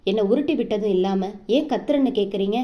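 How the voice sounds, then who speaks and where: A woman's voice: mid-range voice, fast, warm tone, natural voice. A woman doing an indignant young bride. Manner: indignant, angry retort.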